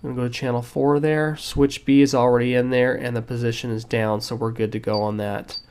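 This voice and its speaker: A sick man casually walking through the settings on a radio transmitter at a cluttered workbench, relaxed and step by step. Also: mid-range voice, a little fast, slight background noise. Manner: relaxed, with fillers and step-by-step instructions. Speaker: hobbyist demonstrating a radio transmitter. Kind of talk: casual tutorial walkthrough.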